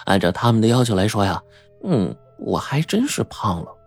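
A male storyteller voicing a spoiled, quick-tongued young woman who teases and huffs. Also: on the low side, big pitch swings, no echo, faint music behind. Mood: sassy teasing. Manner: mocking, teasing, huffy.

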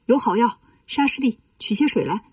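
A woman's voice: on the high side, animated, moderate pace, a little mellow, slightly rough, no echo, far from the mic. A woman voicing a clever, cheeky male monkey king in a children's story, teasing and playful.

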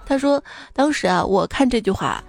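A young woman with a somewhat high voice hosts a radio comedy show. She reads listeners' funny stories aloud in a lively, giggly way and adds playful remarks. Soft music plays quietly behind her. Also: moderate pace, gravelly. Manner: lively, giggly storytelling with frequent laughter. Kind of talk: reading listener jokes with playful commentary.

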